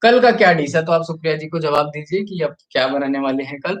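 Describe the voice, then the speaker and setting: A man from Chhattisgarh, India, chats casually on a live stream, reading viewer comments aloud and urging people to like the video. He speaks quickly with a fairly high pitch. The audio quality is poor.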